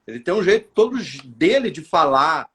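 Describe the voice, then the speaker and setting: Friendly brazilian guy w campinas countryside accent, husky, lively up and down voice. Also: fairly high pitch, moderate pace. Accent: São Paulo countryside, rolled-back R. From Campinas, São Paulo state, Brazil. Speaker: host, nurse. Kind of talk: casual interview chat. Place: online live interview.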